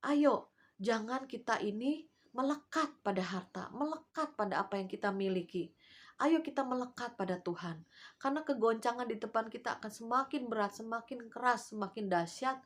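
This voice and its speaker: Woman, middle-aged, lively preacher, chatty testimony sermon. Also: fairly high pitch. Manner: animated, addresses listeners as "saudaraku", laughs often. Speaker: preacher and channel host.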